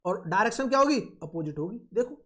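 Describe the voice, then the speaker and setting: A man's voice: high-pitched, expressive, bright, forceful tone. A man teaching engineering in a recorded online lecture, drawing out and repeating key phrases and asking and answering his own questions. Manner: slow, drawn-out repetition of key phrases. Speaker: engineering tutor.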